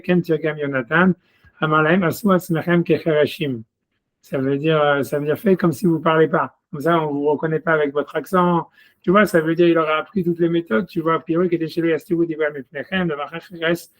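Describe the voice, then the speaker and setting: A man teaching a relaxed one-on-one study session over a video call. His voice sits a little high for a man, and he keeps checking in with "you see" as he goes. Every so often he switches to reading Hebrew verses aloud. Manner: chatty, peppers every phrase with "you see"; reads scripture aloud in chanted Hebrew phrases. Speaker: rabbi teaching a text study. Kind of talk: casual one-on-one text study.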